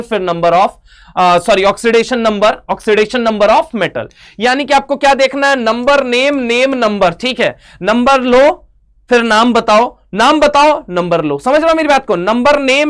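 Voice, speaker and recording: A man with an Indian accent teaches chemistry for exam prep in a high, energetic voice. He keeps asking and answering his own questions and drops English terms into his speech. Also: smooth. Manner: mixes Hindi with English terms, uses mnemonics and jokes.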